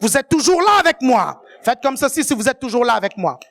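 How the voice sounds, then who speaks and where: A woman preacher delivers a sermon in a high, bright, sing-song voice, a little fast and forceful. She keeps checking that the congregation is still following and rises to shouted emphasis at key points.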